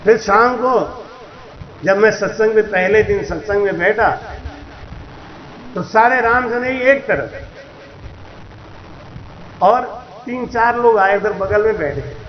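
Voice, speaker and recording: A man's voice: sits high, takes it slowly, long pauses, slight background noise. A man, a spiritual teacher, giving a storytelling sermon, acting out dialogue and chanting verses. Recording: echoey, dull lo-fi hall recording.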